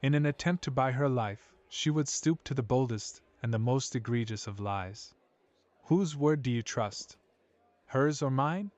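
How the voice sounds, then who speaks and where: A man acts out a melancholic elven hunter for a video game. His hollow voice is formal and solemn, set on vengeance, at an ordinary male pitch. The audio is a little dull. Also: measured pace, a little mellow, no echo, lightly acted. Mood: grave, accusing. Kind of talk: video game character dialogue.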